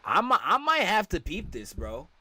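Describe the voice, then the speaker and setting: Animated man reacting in slang. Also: high-pitched, normal speed, breathy edge, dry recording. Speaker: streamer reacting to a video. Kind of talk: casual reaction commentary.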